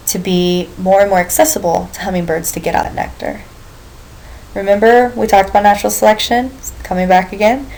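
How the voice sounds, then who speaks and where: A woman lecturing her biology class at a mid-range pitch. She explains step by step and keeps turning to the students with questions, reminding them of what they covered before. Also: gravelly, darkish tone, rough recording.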